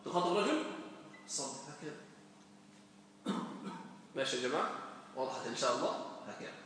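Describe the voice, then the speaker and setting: Bright-voiced teacher in an echoey hall. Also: male voice, on the high side, brisk, slight background noise. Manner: lively, quizzing students with questions. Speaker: Arabic grammar teacher. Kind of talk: classroom lesson. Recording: echoey hall, recorded from far off.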